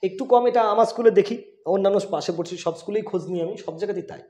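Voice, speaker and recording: A man's voice: sits high, fast talker, darkish tone. A man who heads a school, speaking in an insistent, emphatic way and repeating his key points. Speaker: school headmaster. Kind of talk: conversational interview. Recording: roomy sound.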